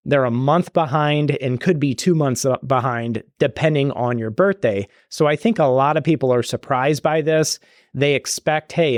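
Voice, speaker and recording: This solo podcast features a male host and retirement planner responding to listener questions about retirement benefits. His explanations are conversational, full of restarts and asides, delivered in a mid-range voice. The studio sound is clean, with no echo.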